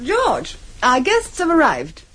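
An actress playing a gushing, self-possessed society wife in a radio drama. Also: female voice, high voice, wildly swooping pitch, takes it slowly, fairly bright tone, exaggerated voice.

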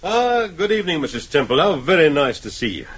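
An actor playing an affable, well-to-do gentleman in a radio drama. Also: on the high side, big pitch swings, a little fast, husky, heavily acted.

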